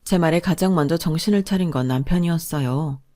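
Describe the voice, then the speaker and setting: A woman narrates a dramatic first-person story. Her delivery is calm and measured, and her voice sits on the low side.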